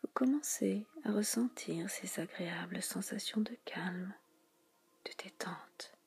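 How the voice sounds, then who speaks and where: A woman leads guided relaxation in a soothing spa whisper. Her voice is very breathy and husky, with a creaky fry underneath. She speaks slowly and hushed, repeating soft phrases and leaving frequent pauses. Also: mid-range voice.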